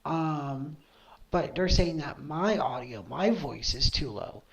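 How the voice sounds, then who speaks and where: A woman's voice: low voice, animated, slow pace, crowd noise. A woman chatting casually as a stream host on a headset mic, insistent and repeating her points. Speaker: video creator and streamer, host. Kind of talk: casual livestream chat.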